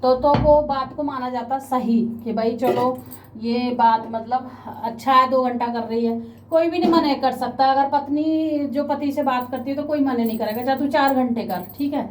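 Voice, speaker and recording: A woman telling a story to her viewers, indignant and animated, often asking the audience questions. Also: sits high, normal speed. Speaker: vlogger. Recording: a bit distant, faint background noise.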